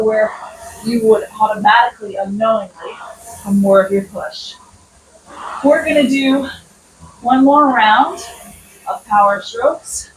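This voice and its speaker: An American woman instructing a workout while exercising on a rowing machine, mixing explanations with short, encouraging commands. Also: a little high. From United States. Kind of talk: coaching a workout with counted cues. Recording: echoey room, distant mic, noisy background.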